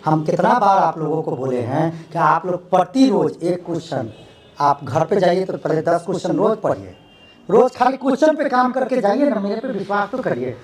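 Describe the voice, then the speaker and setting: High-pitched male classroom teacher. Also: normal speed. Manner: animated, rhetorical questions to students. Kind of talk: classroom lecture.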